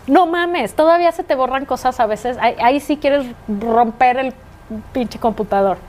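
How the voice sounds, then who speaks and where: Mexican woman co-host, forties, high bright voice, lively storytelling in casual chat. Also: normal speed, a little hiss or hum. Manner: animated, acts out quoted voices. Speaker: podcast co-host.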